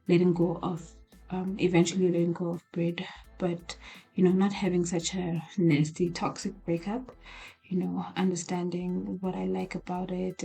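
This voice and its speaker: Low, hushed woman whispering a diary vlog. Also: gravelly, breathy edge. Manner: candid, rambling with restarts. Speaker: video diarist. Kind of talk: late-night diary vlog. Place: small apartment at night.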